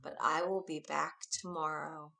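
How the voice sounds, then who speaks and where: A kind young prince from a children's storybook, gentle and hopeful, speaking softly and earnestly, as a woman reads him aloud. The voice sits rather low and unhurried, with faint music behind. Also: steady tone, vocal fry, far from the mic, exaggerated voice.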